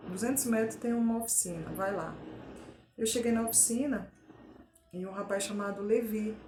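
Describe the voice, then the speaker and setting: A Brazilian woman shares her personal faith testimony in an earnest, deliberate way, leaning on little tag fillers as she goes. Her mid-pitched voice rings in an echoey room at home. A faint hum of noise sits behind her. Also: darkish tone. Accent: Brazilian Portuguese. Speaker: testimony giver. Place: at home, indoors. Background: faint drill noise.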